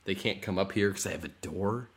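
A man's voice: sits low, a little fast. A man hosting a podcast, chatting casually about games from a slightly echoey room at home. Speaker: podcast host. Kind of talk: casual gaming podcast chat.

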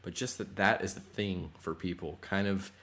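A man's voice: sits low, normal speed. A man co-hosting a podcast in a casual, rambling way, recorded in a room with more echo than usual. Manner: relaxed, rambling, with ums. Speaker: podcast co-host. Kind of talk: casual chat. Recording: echoey room.

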